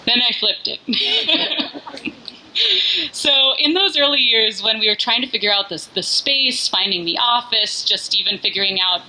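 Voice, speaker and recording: Speaking live and informally to partygoers in an indoor venue, this Bay Area founder in her forties offers a warm welcome, often restarting and using fillers. Her voice sits a little high and sounds pushed and bright, with an unhurried pace. The audio is poor, with slight background noise.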